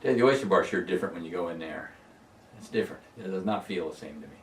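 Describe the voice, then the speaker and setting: A man's voice: low-pitched, animated, fast. A man in his sixties chatting casually at home, easygoing and reflective. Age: 60s. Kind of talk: casual chat. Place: home living room. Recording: distant mic, faint room noise.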